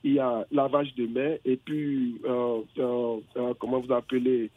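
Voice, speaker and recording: This caller to a radio phone-in is an Englishman whose mid-range voice stays flat and measured. He sounds hesitant, hunting for words and restarting many times, and the telephone line is tinny.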